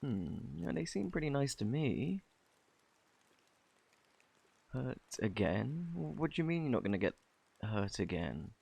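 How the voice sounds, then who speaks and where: A man with a British accent playing a flirty, bashful, kindly Cupid in an intimate ASMR romance roleplay, softly spoken, stammering and flustered. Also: mid-range voice, very animated, vocal fry, slightly rough, heavily acted. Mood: concerned, gentle. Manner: flustered, stammering, halting, apologetic.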